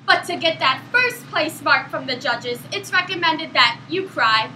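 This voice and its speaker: A woman performing a comedy skit, narrating mock instructions with a brisk delivery. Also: sits high, animated, heavy background noise. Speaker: student performer.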